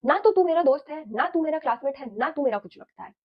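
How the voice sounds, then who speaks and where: A woman's voice: sits high, lively intonation, fast. A young woman from India, telling a storytime vlog casually and with animation, mixing Hindi and English and swearing freely. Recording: slightly dull lo-fi audio.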